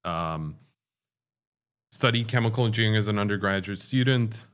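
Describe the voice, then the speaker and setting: Low-voiced man explaining his research. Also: a bit bright. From Dubai, Middle East. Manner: measured, explanatory. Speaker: guest, chemical engineering professor. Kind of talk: conversational interview.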